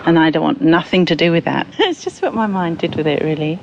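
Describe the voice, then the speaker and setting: A woman's voice: sits low, big pitch swings, brisk, vocal fry, a little mellow, muffled recording, slight background noise. A woman speaking candidly about her course experience. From New Zealand. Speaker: course graduate. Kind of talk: testimonial interview.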